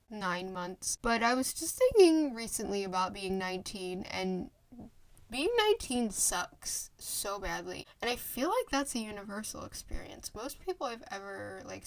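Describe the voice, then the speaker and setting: Chatty young woman with a gravelly edge. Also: mid-range voice. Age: 20s. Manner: rambling, filler-heavy, self-interrupting. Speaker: vlogger. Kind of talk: casual chat to camera. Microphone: phone camera.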